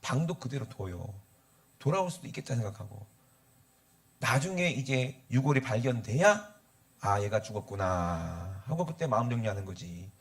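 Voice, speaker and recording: A male pastor, preaching a sermon and calling for responses from the congregation. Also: mid-range voice. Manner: animated, asks the congregation for responses.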